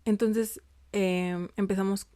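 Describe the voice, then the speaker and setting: A woman's voice: medium pitch, steady tone, slow pace, dark tone, no echo. Confiding woman vlogger, dry sound. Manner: confiding, often checks in with viewers. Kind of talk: casual personal storytelling.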